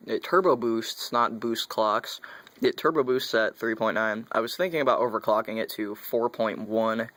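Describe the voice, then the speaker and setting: A man's voice: mid-range voice, bright, forceful tone, no room sound. A young man chatting casually as he unboxes computer parts, rambling and correcting himself as he goes. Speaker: tech vlogger.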